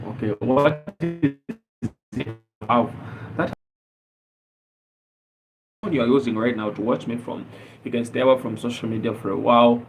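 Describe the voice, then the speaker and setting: A man's voice: mid-range voice, a little hiss or hum, rough recording. A man from Zambia hosting a casual live stream, talking earnestly with many fillers and rhetorical questions.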